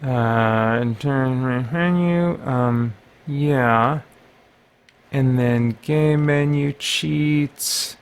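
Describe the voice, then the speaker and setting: Retro video game music plays behind a middle-aged man hosting a video series, who gives casual, playful gameplay commentary, rambling and thinking aloud. He speaks extremely slowly in a smooth, medium-pitched voice.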